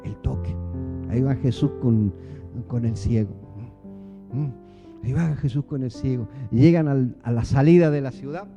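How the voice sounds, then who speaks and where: Argentine pastor preaching with rhetorical questions. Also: male voice, mid-range voice, normal speed, highs cut off, music in the background. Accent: Argentine Spanish. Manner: animated, rhetorical questions to the congregation. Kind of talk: sermon. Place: church.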